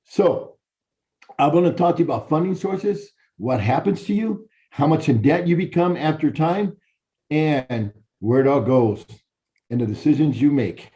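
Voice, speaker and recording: A middle-aged university professor from Chicago, Illinois, lectures students about his own life in a very dark, mellow voice with fairly high pitch, speaking animatedly but a little slowly. He's conversational and direct, often repeating words and restarting. The recording is dull and lo-fi.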